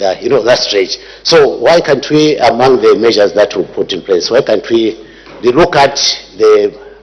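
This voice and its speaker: Low husky man in parliament. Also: poor audio. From Zambia. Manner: halting, many fillers like "you know". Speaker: member of parliament asking a question. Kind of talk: parliamentary question. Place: parliament chamber.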